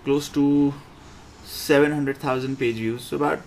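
A middle-aged man with a Pakistani accent giving an informal online lecture as a coach, in a blunt, halting way that repeats phrases for emphasis. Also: medium pitch, steady tone, darkish tone. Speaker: business lecturer and pitching coach. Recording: clearly noisy room recording.

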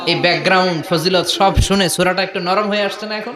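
A man with a Bangladeshi Bengali accent preaching a lively sermon at a large gathering, quizzing the audience and breaking into melodic recitation. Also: sits high, brisk. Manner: lively, quizzes the audience and calls them to respond; chants scripture in a melodic recitation. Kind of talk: Islamic sermon at a public gathering. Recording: echoey venue with crowd noise.

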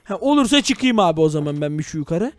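A young man narrating a Minecraft let's-play to his viewers, excitable and full of exclamations. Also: a little high, quick pace. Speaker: gaming YouTuber.

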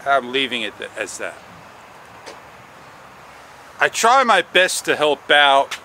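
A man in his forties vlogging outdoors, rambling slowly and haltingly with frustration, on a clip-on mic. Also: mid-range voice, big pitch swings, sharp tone, a little hiss or hum. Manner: slow, halting, frustrated rambling with long pauses. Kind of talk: casual walk-and-talk vlog. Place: outdoors on a sunny garden patio and paths. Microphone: small wireless clip-on mic.

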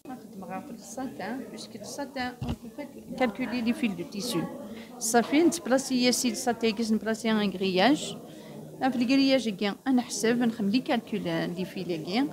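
A woman in her forties explains her embroidery technique, mixing in French terms, at an exhibition. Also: a little high. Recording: crowd noise behind.

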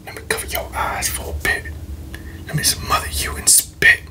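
Man whispering tingly ASMR mouth-sound role-play. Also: pushed and bright. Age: young adult. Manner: playful, teasing, slow murmured repetitions. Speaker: ASMR video creator. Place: small bedroom, indoors. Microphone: close desk microphone in front of him.

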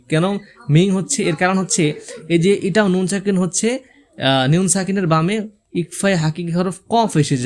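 Guy teaching quran reading, kinda high voice, spells out each letter and mark then says the word slow. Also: a little mellow. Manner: spells out letters and vowel marks, then recites slowly. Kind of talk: step-by-step recitation lesson.

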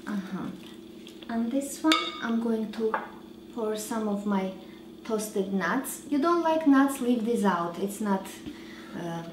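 A woman in her thirties hosting a home cooking show, giving slow, relaxed instructions with frequent fillers while she works. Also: mid-range voice, roomy sound, background noise. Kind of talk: cooking demonstration. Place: large home kitchen.

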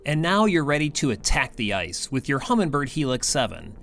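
A man giving clear, step-by-step assembly instructions in a scripted voice-over. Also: mid-range voice, sing-song, brisk, fairly bright tone. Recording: faint background music.

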